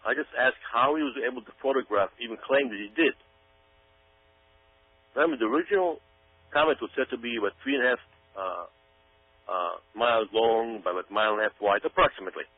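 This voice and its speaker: Over a tinny phone line with hum, a man delivers an emphatic, folksy monologue, addressing his listeners directly as though explaining his case. His medium-pitched voice is brisk, and he pauses often.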